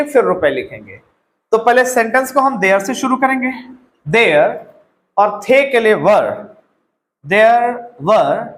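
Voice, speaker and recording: A man's voice: very high-pitched, a bit bright, echoey room, rough recording. A man with an Indian accent teaching English grammar, explaining step by step and repeating words and phrases. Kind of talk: classroom-style grammar lesson.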